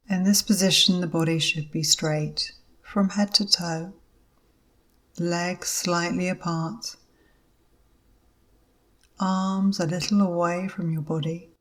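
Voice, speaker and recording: A woman with a lowish voice leads a yoga nidra meditation as the instructor, offering measured guidance in brief phrases with pauses in between.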